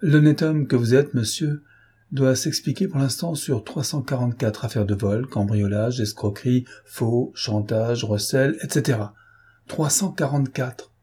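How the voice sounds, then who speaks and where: A man's voice: medium pitch, normal speed, mellow, breathy edge, lightly acted. A man reading the part of a smug, pompous examining magistrate in an audiobook, condescending and sure of himself.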